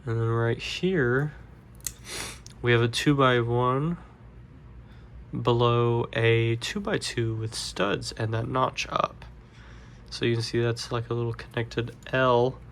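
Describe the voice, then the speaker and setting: A congested man walking through a Lego build step by step, relaxed and rambling with fillers. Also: mid-range voice, slow pace, a little hiss or hum. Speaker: Lego builder, channel host. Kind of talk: casual build tutorial.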